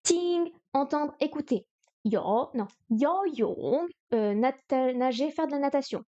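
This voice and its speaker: A woman streams her study session, drilling words over and over and counting pen strokes under her breath. She talks at an unhurried, slow pace in a fairly high voice. The sound is muffled and lo-fi, like basic stream audio. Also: lively intonation, dark tone. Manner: repeats vocabulary and counts strokes aloud, chatty self-talk. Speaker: streamer studying Chinese live. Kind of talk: live study stream, thinking aloud.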